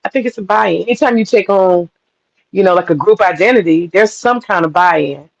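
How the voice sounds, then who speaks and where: A woman's voice: medium pitch, normal speed, gravelly. A woman guest on a live-stream panel, chatting casually and emphatically over a video call. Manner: emphatic, animated storytelling. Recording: dull lo-fi call audio.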